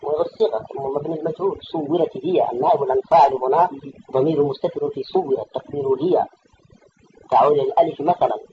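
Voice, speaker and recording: A man's voice: a little high, fast, lo-fi sound, a little hiss or hum. A man teaching a classical grammar text, patiently explaining points and correcting his student. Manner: patient, repeats and corrects the reader, asks checking questions.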